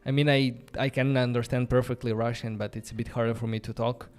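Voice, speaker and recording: Here the Romanian coding streamer talks fast, his darkish mid-range voice showing little pitch movement. A non-native English speaker, he hosts the casual stream by thinking aloud, chatty and loose with plenty of fillers, over faint background music.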